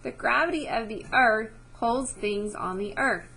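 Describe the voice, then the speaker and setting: Reading a science book to children, this woman teacher explains along the way and asks brief questions to make sure they follow. Her voice sits on the high side and sounds gravelly, pushed and bright, with a measured pace and a faint hiss or hum in the audio.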